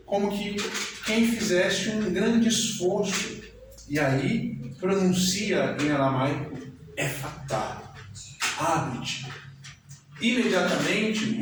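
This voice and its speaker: Man, Brazilian accent, sermon, slightly high voice, very reverberant church, off-mic. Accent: Brazilian Portuguese. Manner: slow, measured preaching with deliberate pauses. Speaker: preacher. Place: church hall. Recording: very echoey church from a distance, audible noise.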